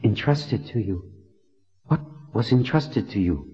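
A man's voice: on the low side, lively intonation, takes it slowly, dark tone, long reverb tail, lo-fi sound, faint music behind, pitched above the performer's own voice. A man voicing an earnest young woman who presses with urgent, incredulous questions. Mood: astonished.

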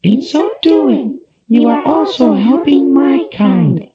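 A man voicing a tiny female night wisp spirit, speaking slowly and gravely, with faint music behind. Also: very high voice, animated, muffled recording, voice pushed up, heavily acted. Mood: gentle. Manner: slow, grave, prophetic.

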